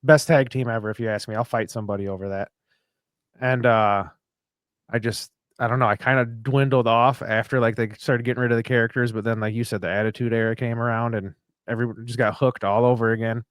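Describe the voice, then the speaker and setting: A man in his forties hosting a podcast, telling stories in a casual, animated way. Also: mid-range voice, a little fast, dry recording, clean studio sound. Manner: animated storyteller, acting out quotes. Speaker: podcast host.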